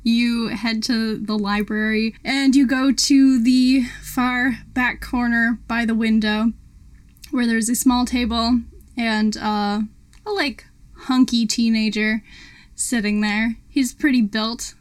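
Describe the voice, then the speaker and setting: Woman game master, casual and bright. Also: on the high side, steady tone, takes it slowly. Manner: casual, laughs often. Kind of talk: narrating a tabletop game.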